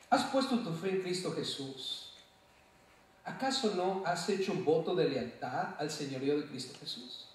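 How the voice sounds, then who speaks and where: A pastor preaching a sermon in a church, asking the congregation questions and answering them himself. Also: male voice, sits high, far from the mic. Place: church sanctuary. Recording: very echoey hall, voice from off-mic.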